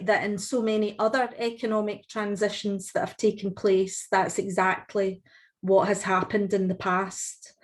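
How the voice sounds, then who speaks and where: A woman's voice: medium pitch, a little mellow. Casting: woman union leader, Glasgow accent, formal address, level delivery with little rise and fall. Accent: Glaswegian Scottish. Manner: measured, deliberately slow and clear. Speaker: trade union leader, invited speaker. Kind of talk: formal prepared speech to an online meeting.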